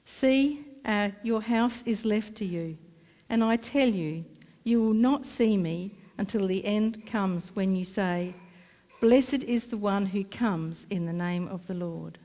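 A middle-aged woman with an Australian accent, reading scripture aloud in a measured, careful way at a church lectern. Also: mid-range voice, mellow. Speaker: scripture reader. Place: church sanctuary, indoors. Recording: long church reverb.

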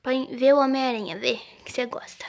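A high-pitched female voice narrates a casual role-play vlog as a mother. She speaks softly and gently, coaxing the children and chatting with viewers. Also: brisk, gravelly. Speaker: vlogger playing mother.

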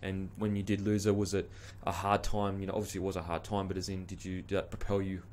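A man's voice: low-pitched, flat delivery, quick pace, a little mellow, a little hiss or hum. A man in his thirties with an Australian accent hosting a podcast interview, chatty and encouraging with casual slang. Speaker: podcast host. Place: small studio with logo backdrop. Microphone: studio mic on boom arm.

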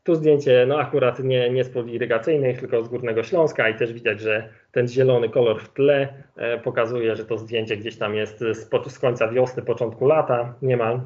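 A man giving an online lecture with slides as an ornithologist, explaining in a relaxed way and thinking aloud with fillers. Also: medium pitch, normal speed, hardly any pauses. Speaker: ornithologist giving a webinar presentation. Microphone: video call. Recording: lo-fi video call audio.

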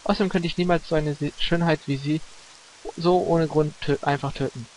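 A man's voice: fairly high pitch, fairly even intonation, a little fast, a little mellow, natural voice, poor audio. A man voicing a weary middle-aged male hitman in his own plain voice, reading game dialogue with restarts. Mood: weary, earnest.

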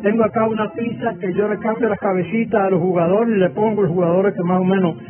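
A man's voice: high-pitched, steady tone, fast. A very old man in his nineties talking eagerly and repetitively in a spontaneous live interview. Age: 90s. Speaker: interviewed amateur inventor. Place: room at home, indoors. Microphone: reporter's handheld microphone. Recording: tinny phone-like live feed, music behind.

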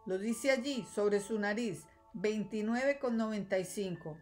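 A pushy male cashier from a storybook, voiced by a woman reader. He insists in a flat, matter-of-fact way. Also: mid-range voice, unhurried, faint music behind, close to an everyday voice. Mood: insistent.

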